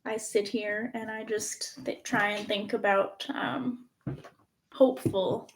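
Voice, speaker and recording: A woman's voice: mid-range voice, vocal fry, fairly bright tone, a little hiss or hum. A woman from Canada chatting casually on a live stream at home, rambling with lots of fillers, recorded on a phone's front camera. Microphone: phone front-facing camera.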